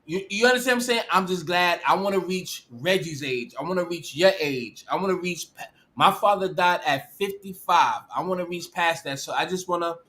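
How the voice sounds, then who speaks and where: A man in his forties with a fairly high, bright voice. He stammers and repeats himself as he joins the debate chat. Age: 40s.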